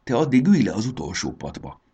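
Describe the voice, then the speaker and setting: A man voicing a bossy guide figure who gives hushed orders. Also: mid-range voice, sing-song, gravelly, a little hiss or hum, voice pushed up.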